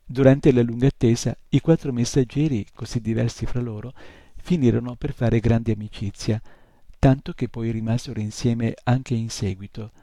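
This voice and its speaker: A man narrates a fantasy novel in a measured, expressive reading voice. His tone is deep and mellow, with a gravelly texture. The recording is close and dry. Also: no room sound. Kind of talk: audiobook reading.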